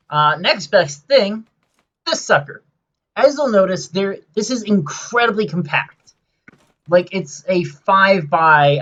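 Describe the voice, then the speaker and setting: A man giving casual gameplay commentary, rambling and excitable as he explains his build, with many filler sounds. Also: fairly high pitch, highs cut off.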